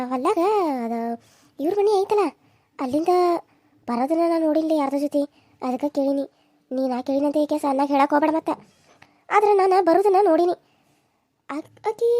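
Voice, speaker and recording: A worried village woman in a cartoon serial, voiced very high by a woman. She talks in an urgent, confiding way with a North Karnataka Kannada accent. The recording is close and dry. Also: dark tone, no room sound.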